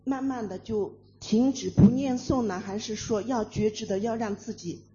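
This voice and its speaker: A woman's voice: fairly high pitch, fairly even intonation, drawn-out words, warm tone. A woman at a meditation session asking the teacher a question, hesitant and searching for her words. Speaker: retreat participant asking a question. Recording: dull lo-fi recording with faint room noise.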